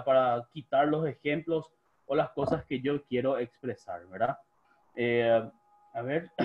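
A man with a Paraguayan Spanish accent teaching an English class, slowly drawing out his English model phrases. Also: on the high side. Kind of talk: online class lesson. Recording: dull lo-fi class recording.

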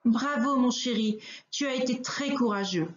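A woman voicing a tender mother rabbit in a storybook reading, gentle and praising. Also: fairly high pitch, normal speed, pitched above the performer's own voice, natural voice. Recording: roomy, slightly dull recording.

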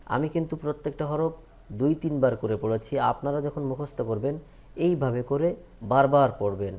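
A man teaching Quran reading, drilling letter names slowly between plain advice to learners. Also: mid-range voice, darkish tone. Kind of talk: slow recitation lesson.

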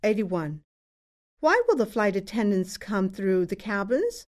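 A woman's voice: medium pitch, big pitch swings, unhurried, darkish tone. A woman test narrator reading numbered exam questions as scripted narration.

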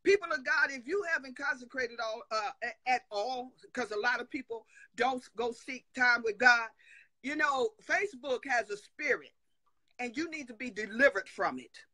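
Speaking at a normal speed in a slightly high, animated voice, this middle-aged woman runs a live prophetic talk stream with a sharp tone. She preaches fiercely, mixing emphatic declarations with call-and-response asides. She's indoors at home on a live video call, captured by a webcam with no room sound.

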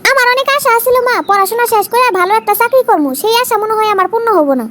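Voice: expressive, racing, heavy background noise. A performer voicing a young bride in a cartoon who pleads to continue her studies. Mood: sad. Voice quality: high squeaky cartoon pitch. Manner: pleading and complaining. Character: young bride eager to study. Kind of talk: cartoon voice acting.

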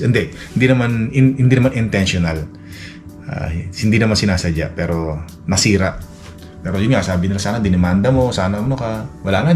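In a low voice, a man vlogging from Edmonton, Canada, relaxes into personal storytelling, stuttering repeatedly and saying "ano" a lot. His talk wanders with frequent restarts and fillers, he performs the dialogue he quotes, and soft music plays in the background.

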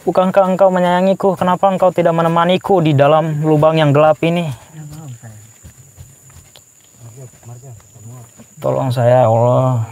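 A man's voice: mid-range voice, mellow, lightly acted. A man voicing a newly dead man in his grave, pleading and wailing for help and forgiveness, recorded from inside a covered grave.

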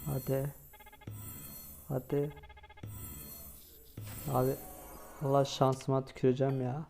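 A man's voice: mid-range voice, monotone, slow pace, creaky, dark tone, faint music behind. A man doing casual commentary for his mobile game channel, chatting straight to his viewers and grumbling at bad luck.

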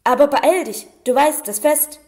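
Woman reading a calm old headmaster. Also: high voice, a little slow, pitched above the performer's own voice. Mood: gentle.

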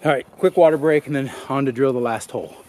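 Working on a craft project in the woods, a relaxed bushcraft vlogger in his thirties chats quickly to the camera and partly to himself in a mid-range voice. Slight background noise is audible.

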